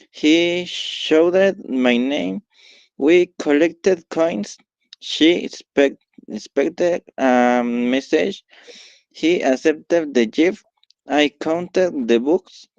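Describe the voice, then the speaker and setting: Hesitant male student reader, slow, dull dry recording. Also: fairly high pitch, creaky, no room sound. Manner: hesitant reading with restarts. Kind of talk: reading practice sentences aloud.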